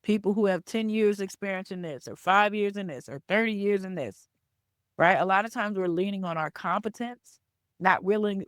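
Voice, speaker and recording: A woman's voice: mid-range voice, no room sound, clean studio sound. A woman hosting a solo business podcast, stressing her points and checking in with "right?" and "okay?". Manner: emphatic, repeats key points with "right?" and "okay?". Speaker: podcast host and business coach.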